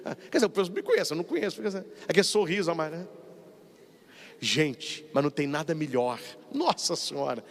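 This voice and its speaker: Brazilian priest preaching, animated, does funny voices, big echoey church sound. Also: male voice, high-pitched. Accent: Brazilian Portuguese. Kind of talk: lively sermon. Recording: long reverb of a large hall.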